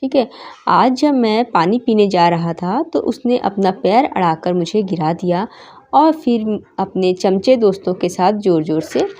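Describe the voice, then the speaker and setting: Brief: woman teacher explaining a story lesson to children, mellow tone, medium pitch. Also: animated, a little slow. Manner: reads aloud and explains, with "देखिए" asides. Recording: slightly dull lo-fi recording.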